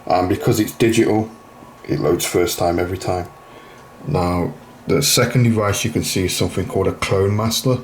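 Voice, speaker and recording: In an informal hands-on tutorial, a video host demonstrates a retro computer repair step by step, plainly explaining each part. His voice is low, steady and moderately paced, with a noticeable layer of noise behind it.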